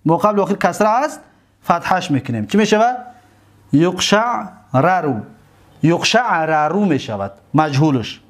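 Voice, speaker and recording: A man with a Tajik accent teaching grammar, drawing out and repeating each word form slowly for his students. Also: a little high, big pitch swings. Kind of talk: grammar lecture.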